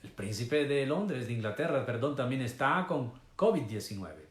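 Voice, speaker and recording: A man preaching an online sermon as pastor, swinging from loud declarations to hushed, slow lines and greeting viewers by name mid-sentence. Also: medium pitch, very animated, reverberant.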